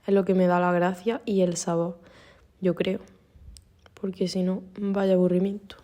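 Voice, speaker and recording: A woman from Andalusia with an Andalusian accent, giving a calm, thoughtful personal testimony. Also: on the low side, a little slow. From Andalusia, Spain.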